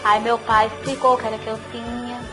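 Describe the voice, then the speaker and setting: Over loud background music, a woman gives an earnest, emotional religious testimony, telling her story with tearful pleas to God. Her voice is fairly high, her delivery flat and brisk, and the recording is rough.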